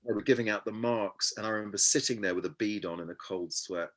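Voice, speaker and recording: A guest in a casual interview, this fifties-aged Englishman from Hampshire shares memories of his childhood in a fairly low-pitched voice. He's self-deprecating and halting, leaning on lots of fillers.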